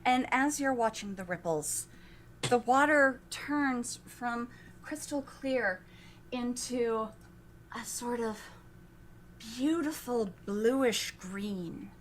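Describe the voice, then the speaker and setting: A woman leads a tabletop game as its game master, narrating slowly and stopping to restart her phrases. Her voice sits a little high. A faint noise floor hums under the recording. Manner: slow, halting narration with many restarts.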